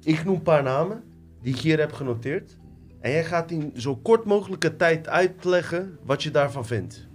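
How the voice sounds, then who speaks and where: A man hosting a casual podcast, relaxed and slangy, talking to his guest and his viewers. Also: on the high side, normal speed, soft background music. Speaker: podcast host.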